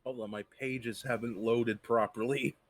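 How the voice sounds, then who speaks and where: A man's voice: medium pitch, fairly even intonation, moderate pace. A man joining a group reading, joking and giggling with friends. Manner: playful, giggly. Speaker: reading participant. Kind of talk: casual chat.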